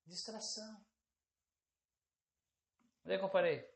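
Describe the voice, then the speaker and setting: A woman's voice: mid-range voice, slow pace, vocal fry, a little mellow, echoey room. A woman preacher delivering an emphatic sermon, often calling out rhetorical questions to the congregation.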